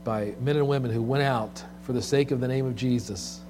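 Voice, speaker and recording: A man preaching as a pastor at a pulpit microphone, speaking in a measured, deliberate way with pauses. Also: mid-range voice, fairly even intonation, over music. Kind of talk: sermon with scripture reading and prayer. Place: church service, speaking from the pulpit. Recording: clear background mains hum.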